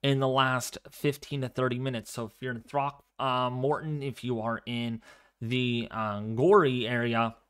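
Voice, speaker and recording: A man hosting a live severe weather stream, speaking quietly but clearly in a calm, fairly monotone way while commenting and chatting with viewers. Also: mid-range voice, unhurried. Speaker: livestream weather host.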